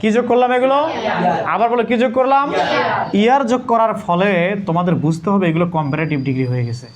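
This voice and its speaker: A man's voice: high voice, fast. A man teaching a classroom lesson, asking the pupils the same question again and again until they answer. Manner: repeats questions to pupils, drilling. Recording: loud classroom crowd noise. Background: class of children answering in chorus.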